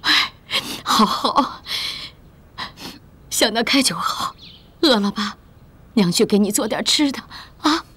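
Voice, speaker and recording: A woman's voice: a little high, animated, brisk, breathy edge. An actress playing a middle-aged mother who coaxes and fusses over her daughter in a martial arts film. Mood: gentle. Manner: coaxing, fussing, soft sighs. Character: doting middle-aged mother, fussy and soothing. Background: film score music.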